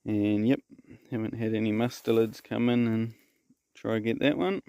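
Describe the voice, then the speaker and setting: Out in the bush, a gravel-voiced man with a New Zealand accent yarns casually to camera about his trapping, dry and laconic like a backcountry bushman. He's a predator trapper and vlogger, and his voice sits on the low side with a warm tone, normal speed and no echo.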